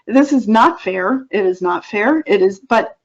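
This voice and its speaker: A woman psychologist explaining parenting techniques in a relaxed, conversational way, with frequent fillers and asides. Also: medium pitch, unhurried, muffled recording. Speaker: child psychologist. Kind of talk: parenting advice talk.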